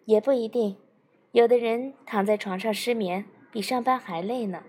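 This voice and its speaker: A woman reading the part of a patient, gently firm psychologist who corrects calmly. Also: fairly high pitch, moderate pace, slightly rough. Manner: calm and corrective.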